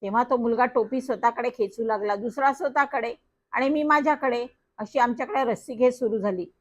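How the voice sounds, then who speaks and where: A woman narrating a children's story in the first person, in a lively, animated way. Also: on the high side, fairly quick. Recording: dull lo-fi recording.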